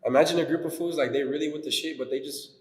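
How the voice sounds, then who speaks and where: A man's voice: on the high side, steady tone, fast talker. A young man being interviewed as a rapper, chatting casually in slangy, profane skater-dude style in an echoey room. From Tulare County, California. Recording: echoey room with long reverb.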